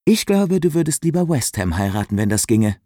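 A man's voice: fairly high pitch, big pitch swings, a little fast, warm tone, no echo, clean studio sound, voice pushed up. A man raising his voice for a teasing young woman.

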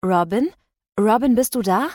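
A woman's voice: fairly high pitch, expressive, normal speed, a little mellow, dry recording, studio quality, voice pushed up, lightly acted. A woman voicing an urgent, insistent female friend. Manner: urgent, pleading calls.

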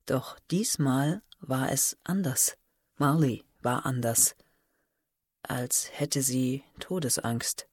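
A woman reading a suspense novel aloud as narrator, in measured, expressive storytelling. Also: extremely low pitch, husky, dry recording. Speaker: audiobook narrator. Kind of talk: scripted audiobook narration.

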